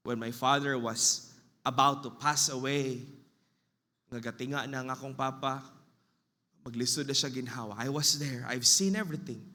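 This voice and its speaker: A man with a Filipino accent preaching a sermon as pastor, slow and emphatic, in a church hall. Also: mid-range voice, steady tone, bright, forceful tone. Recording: long reverb of a church hall.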